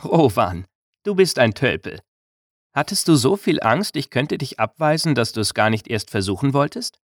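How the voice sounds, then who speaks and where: A man's voice: mid-range voice, big pitch swings, normal speed, no room sound, clean studio sound, voice pushed up. A male narrator voicing a bold, playful young village woman in an audiobook. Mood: teasing. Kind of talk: audiobook character reading.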